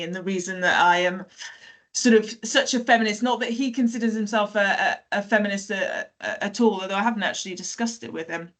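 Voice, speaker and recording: Woman guest, mid-pitched, chatty and meandering, lots of ums and restarts. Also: a bit bright. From South Wales. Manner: chatty, many fillers and self-corrections, light laughs. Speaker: teacher and podcast guest. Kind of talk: casual conversational storytelling.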